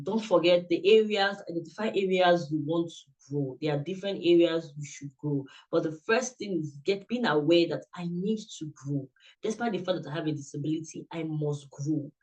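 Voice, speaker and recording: Speaking into a computer mic over a video call, this presenter at an online summit gives an earnest motivational talk, coaching directly and going over the same points repeatedly. His pitch is fairly high, the tone a little mellow, and the recording rough.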